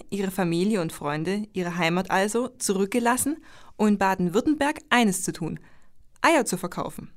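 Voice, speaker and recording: A woman presents a radio program from a script. Her voice sits in the middle range. The delivery is smooth and polished, in a plain announcer style. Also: medium pitch.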